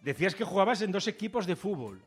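A man hosts a relaxed local radio chat, his voice sitting a bit high for a man. He teases his guest and keeps up a stream of quick follow-up questions, with faint music running underneath. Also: husky. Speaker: radio host. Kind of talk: casual radio interview.

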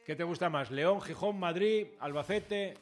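A man hosting a casual radio interview, chatty and teasing, firing quick follow-up questions. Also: high-pitched. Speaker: radio host.

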